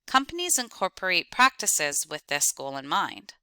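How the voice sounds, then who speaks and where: Woman lecturer, clear close-mic voice, dry sound, reading slide points one by one. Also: on the low side, very animated, sharp tone, dry recording. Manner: reads terms and list items in clipped, deliberate steps.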